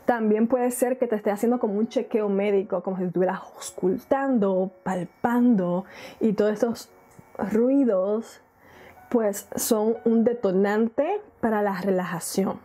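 A married adult woman vlogs casually on YouTube, chatting to camera, asking lots of questions, and laughing now and then. Her mid-range voice has a dark tone and a measured pace.

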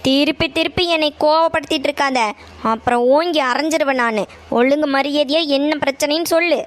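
A woman's voice: high voice, fairly quick, close to an everyday voice. A woman voicing a nagging, scolding middle-aged mother in a cartoon, with a Kongu Tamil accent from Coimbatore. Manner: nagging, scolds then coaxes. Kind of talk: cartoon voice acting.

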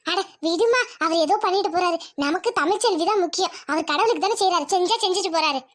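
A woman's voice: very high-pitched, fast talker, a bit bright. A woman voicing a pert, impatient young village daughter in a cartoon, brushing off her mother. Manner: impatient, dismissive.

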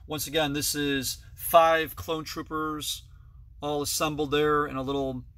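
A man's voice: on the high side, flat delivery, measured pace, fairly bright tone, clear, resonant tone, dry recording. A man in his thirties giving a chatty, detailed tour of his toy collection, filmed on a handheld phone in a basement. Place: basement full of toys, indoors. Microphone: phone camera held at arm's length.

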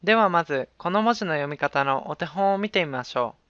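A woman giving calm, scripted narration for a pronunciation lesson. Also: lowish voice, a little fast, no room sound. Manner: calm, instructive. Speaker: pronunciation teacher. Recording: dull, dry studio voice-over.

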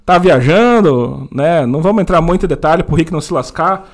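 A young man from Brazil hosting a casual live-stream chat, joking and teasing his guest in a small foam-padded studio. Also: on the high side. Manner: joking, teasing, quick banter. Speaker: host.

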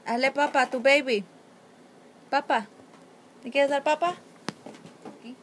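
A woman's voice: high voice, fairly even intonation, a little slow, fairly bright tone, slight background noise. A young woman, a mother, coaxing her toddler in playful, sing-song baby talk in a home video at home.

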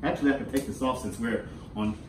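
A man's voice: medium pitch, steady tone, fast talker, noisy background. An older man leading a casual online art lesson from home, chatty, upbeat and rambling as he talks to his viewers. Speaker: art teacher. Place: room at home. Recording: echoey room, voice from afar.

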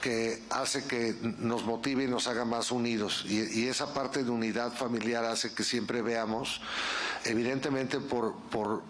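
Halting man at a press conference. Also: medium pitch, fairly even intonation, fairly bright tone. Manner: halting, repeats words. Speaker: club executive. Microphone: table microphone. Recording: faint ambient noise at press conference.

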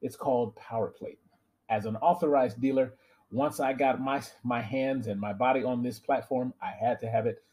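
A middle-aged man, a fitness trainer and equipment dealer, giving an earnest, persuasive sales pitch straight to camera from a small home office. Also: steady tone, normal speed, mellow, breathy edge. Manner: earnest, persuasive, emphatic on key words.

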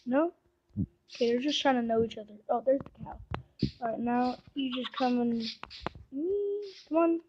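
A woman's voice: high-pitched, moderate pace, pauses often, darkish tone, muffled recording, slight background noise. A woman giving casual, rambling commentary on her game and coaxing the animals in it, recorded on a phone mic. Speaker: gameplay vlogger.

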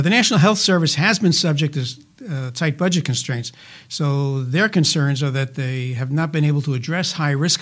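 An older man answering interview questions as a healthcare finance advisor, measured and statistic-heavy with frequent "uh" fillers and dry asides. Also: medium pitch.

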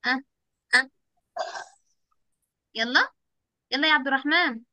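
On a video call, a young Egyptian-accented teacher gently draws out little kids, asking questions again and rewarding each reply with praise. She speaks at a normal speed in a high, sharp voice. There is no room sound.

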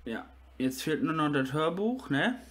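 A man's voice: fairly high pitch, big pitch swings, measured pace, a bit bright, slight background noise. A male co-host chatting casually while reacting, often tagging "ne?". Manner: chatty, tags "ne?". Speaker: show co-host.

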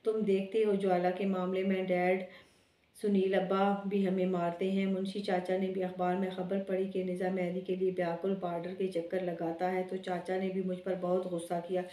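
Brief: a troubled, lovesick young officer in a storybook, voiced by a woman narrator, spoken in a soft, dark, level tone with an echoey room behind. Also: lowish voice, completely flat delivery, natural voice. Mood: pleading.

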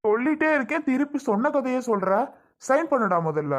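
A woman's voice: high voice, very animated, a little fast. A woman playing a desperate young man who is tied up and begs to be freed, in quarrelsome slangy speech. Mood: defiant. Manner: pleading and quarrelsome, rough slangy talk. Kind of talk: family skit acting.

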